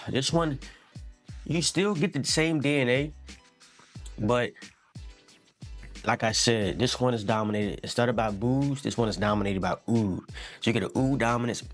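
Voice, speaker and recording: A man's voice: medium pitch, normal speed, long pauses, soft background music. A man giving a casual fragrance review in a laid-back, slangy way, often repeating himself and calling the listener "man".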